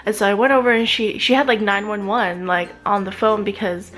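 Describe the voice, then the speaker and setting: A woman's voice: mid-range voice, fairly even intonation, a little fast, fairly bright tone. A young woman, a graduate student vlogging, telling a story in an indignant, agitated way, swearing freely with lots of fillers, tired from lost sleep. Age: young adult. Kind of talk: casual storytelling vlog.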